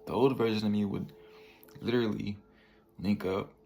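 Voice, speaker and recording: A man's voice: on the low side, fairly even intonation, moderate pace, vocal fry, a little mellow, faint music behind. A man in his twenties giving a casual motivational monologue to the camera, laid back and full of slang, tagging lines with "bro" and "you feel me". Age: 20s. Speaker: vlogger.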